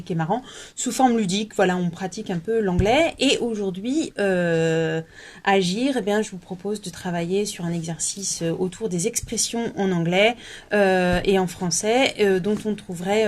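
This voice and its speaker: A woman's voice: medium pitch, darkish tone. A woman leading an English workshop in a casual video lesson, talking in a chatty, hesitant way with many fillers and restarts.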